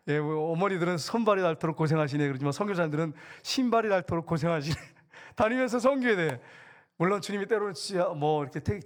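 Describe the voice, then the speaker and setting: A middle-aged man preaching a sermon as pastor, in a lively, conversational style that acts out little quotes. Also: sits high.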